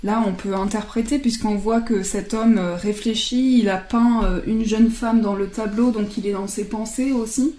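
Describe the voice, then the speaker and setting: A woman casually presenting oracle card decks, chatting and laughing softly at herself as she translates card titles aloud. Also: medium pitch, steady tone, moderate pace, hardly any pauses, reverberant.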